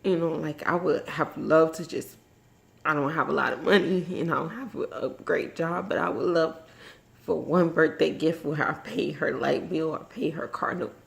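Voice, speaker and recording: A woman vlogging in a personal, confessional way, emotional and tearful after crying, speaking haltingly and reflectively. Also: deep voice, vocal fry. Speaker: vlogger and mother. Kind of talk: personal, confessional vlog talk.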